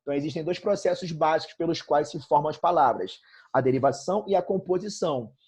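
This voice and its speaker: A Brazilian man gives a grammar lesson with a Brazilian Portuguese accent, and his voice is a little husky and pitched slightly high. He keeps checking in with his students and calls them brother and gang. His manner is upbeat and familiar throughout. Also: quick pace, a little mellow. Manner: upbeat, checks in constantly with "show?" and "tranquilo?"; addresses students familiarly as "irmão" and "galerinha". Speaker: Portuguese teacher.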